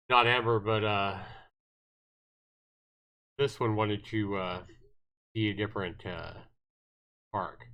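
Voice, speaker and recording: Hosting a laid-back visual novel stream, a man chats haltingly with viewers in a rambling way and reads game text out loud. His voice is lowish and sharp-toned, and the sound is lo-fi.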